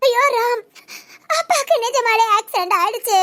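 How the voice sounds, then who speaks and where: A woman's voice: extremely high pitch, expressive, moderate pace, background noise. A woman voicing a panicked young woman who is crying and pleading urgently in an amateur audio drama.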